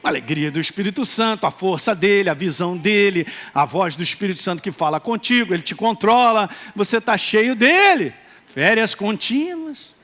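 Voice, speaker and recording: A man preaching a sermon as a pastor, with a Minas Gerais Brazilian accent, animated and joking, calling out for responses from the congregation. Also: high-pitched, normal speed. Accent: Minas Gerais Brazilian Portuguese.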